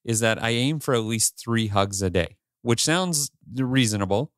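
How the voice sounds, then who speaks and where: A man's voice: mid-range voice, animated, moderate pace, dry recording, clean studio sound. A man in his forties co-hosting a podcast, chatting candidly with restarts and the odd swear. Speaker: podcast co-host. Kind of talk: casual chat.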